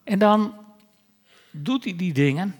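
A man's voice: high-pitched, expressive, slow pace, long reverb tail. A male preacher giving a sermon in a conversational way, with wry asides.

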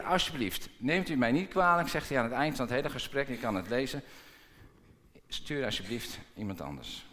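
A man delivers a sermon with lively, dramatic pacing, slipping into different tones as he acts out quoted dialogue. His voice rings out with the long reverb of a large church hall. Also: medium pitch. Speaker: preacher.

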